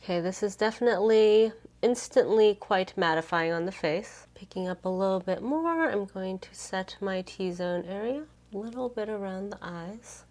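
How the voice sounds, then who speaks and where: A woman's voice: medium pitch, moderate pace, hardly any pauses, a little mellow. A woman giving casual makeup try-on commentary to viewers in a chirpy, upbeat beauty vlogger manner.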